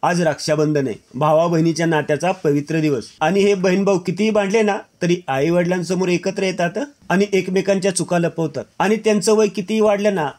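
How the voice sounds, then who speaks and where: A man voicing a gentle, devoted young daughter-in-law who speaks softly. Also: high-pitched, steady tone, brisk, hardly any pauses, close to an everyday voice.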